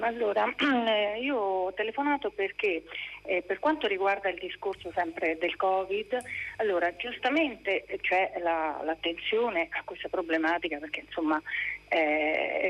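A woman calling in to a talk radio show over a phone line, speaking hesitantly and pausing often with fillers. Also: mid-range voice. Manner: hesitant, searching for words with many fillers. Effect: heard over a phone line. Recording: dull, narrow phone line.

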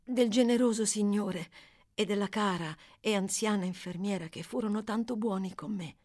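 Lady doing a sweet little orphan boy, eager and polite, voice pushed up high. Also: normal speed, darkish tone, lightly acted.

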